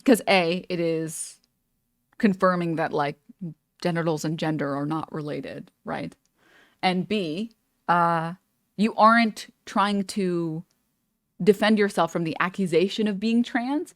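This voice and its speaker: This young streamer's voice sits on the low side and moves slowly as she chats through a reaction stream, wandering from thought to thought with lots of "like" and "you know". The sound is clean studio quality with no room sound.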